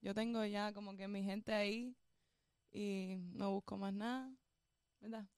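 A woman's voice: medium pitch, steady tone, measured pace, darkish tone, smooth, no echo, clean studio sound. A woman co-hosting a casual podcast chat, teasing the others and laughing often.

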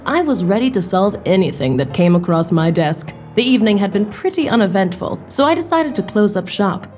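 A woman's voice: medium pitch, a little mellow, natural voice. Detective Catherine Cat, woman playing a dramatic cat sleuth. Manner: dramatic, overeager, theatrical. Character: female cat detective, self-important noir narrator. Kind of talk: storybook radio play acting.

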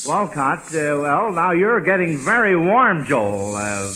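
An American man hosts an old-time radio quiz in a high, bright voice. He talks to the contestants in a folksy, slightly flustered way, on a hissy vintage broadcast. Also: animated, slow. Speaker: quizmaster host.

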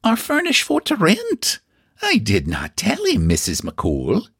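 A man's voice: high voice, wildly swooping pitch, takes it slowly, fairly bright tone, husky, dry recording, clean studio sound, pitched above the performer's own voice, heavily acted. A man voicing an old landlady who is proper, businesslike and stern, speaking in guarded, furry tones. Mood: knowing.

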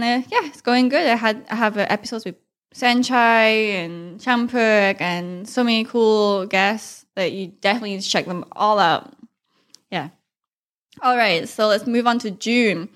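A woman hosts a casual solo podcast in a mid-range voice. Her accent mixes Thai and English. She talks in a frank, informal, rambling way, with plenty of slang. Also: mid-range voice. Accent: mixed Thai-English. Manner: candid, informal, rambling, with frequent slang and mild swearing. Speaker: podcast host.

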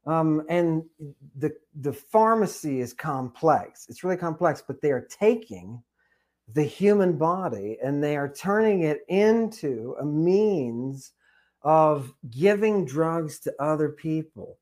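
A man talking as a podcast guest, animated, with many fillers and questioning "right?" tags. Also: a little high, slow. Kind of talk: conversational podcast discussion.

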